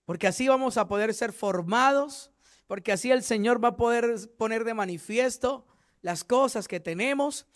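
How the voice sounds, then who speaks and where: High-voiced fervent male pastor. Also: moderate pace. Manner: fervent preaching, acts out quoted church members. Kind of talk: Bible study sermon.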